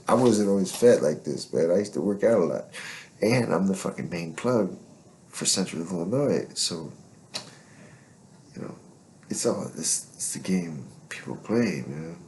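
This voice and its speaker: A man's voice: low voice, vocal fry, a little hiss or hum. A man telling stories in a casual monologue, swaggering and profane, rambling with constant fillers.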